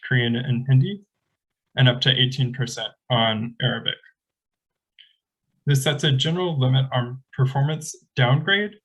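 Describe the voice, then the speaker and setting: A man giving an academic conference presentation, explaining methods in a measured, technical way. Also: mid-range voice, husky, poor audio.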